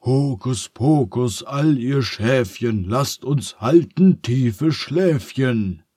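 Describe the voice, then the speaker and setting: A man's voice: lowish voice, lively intonation, slow, a little mellow, breathy edge, no room sound, clean studio sound, full character voice. A man voicing Phineas, a sleepless young boy wizard with a whiny, fretful manner. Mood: chanting.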